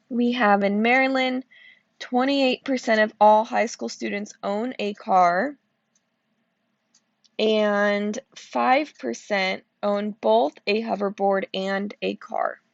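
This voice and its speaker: A woman's voice: mid-range voice, steady tone, takes it slowly, creaky, long pauses, no echo, muffled recording. A woman teacher walking through probability problems step by step, sleepy and checking in with "okay?" as she goes. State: sleepy, yawning. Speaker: math teacher. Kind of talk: recorded classroom lesson walkthrough.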